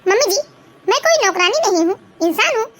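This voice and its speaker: A woman voicing a young daughter-in-law who is calm, firm and quietly defiant in an animated family story. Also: very high-pitched, fairly quick, noisy background.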